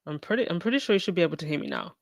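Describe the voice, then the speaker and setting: An English woman hosting a livestreamed podcast chats loosely through a cold, sniffly and full of fillers and restarts as she gives casual commentary. Her lowish, creaky voice moves very fast with lively intonation. The recording is dry and clean, studio-grade.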